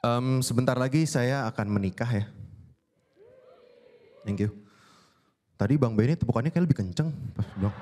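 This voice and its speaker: Performing comedy to a live audience, a young man talks in a mid-range voice at a moderate pace, pausing at length. His delivery is animated, full of impressions of weird voices, and the recording carries a little hiss or hum.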